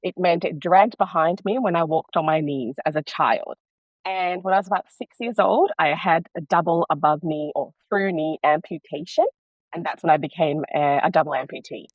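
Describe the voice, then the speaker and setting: A woman from Bangladesh, a podcast guest, explaining her story calmly in a casual interview and laughing easily. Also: deep voice, normal speed, dry recording, highs cut off.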